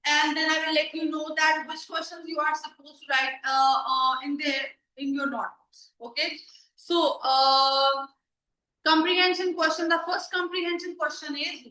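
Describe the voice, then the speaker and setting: A woman teacher giving a recorded video lesson, explaining slowly with many fillers and restarts in a classroom with a board. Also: sits high, steady tone, pushed and bright. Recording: echoey room, voice from a distance.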